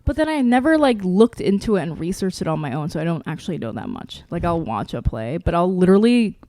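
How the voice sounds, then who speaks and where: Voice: medium pitch, very animated, fast, mellow, no echo. Chatty rambling podcast co-host. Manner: chatty and rambling, with many fillers and self-interruptions. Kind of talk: casual podcast chat.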